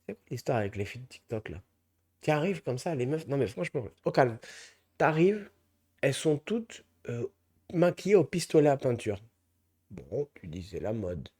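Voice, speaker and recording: A young man giving a comic rant to camera as a comedy vlogger, speaking in an animated, slangy, mocking way. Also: mid-range voice, moderate pace, slightly rough.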